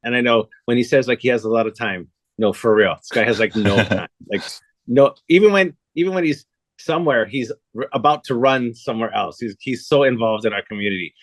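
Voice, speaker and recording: A man's voice: medium pitch, a little fast, no room sound. A man hosting an interview, enthusiastic and repeating words for emphasis. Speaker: host. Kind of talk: casual interview chat.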